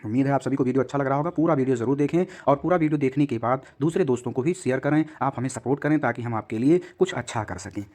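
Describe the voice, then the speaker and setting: A man's voice: mid-range voice, fast talker, few pauses, a little mellow. A man teaching a class, going word by word and repeating each meaning, calling his students "beta". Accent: Hindi. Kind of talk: classroom lesson.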